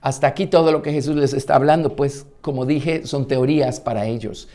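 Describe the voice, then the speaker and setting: A man's voice: mid-range voice, steady tone, brisk, dark tone. A male pastor with a Guatemalan Spanish accent teaching a Bible study in a conversational sermon, with frequent fillers and restarts.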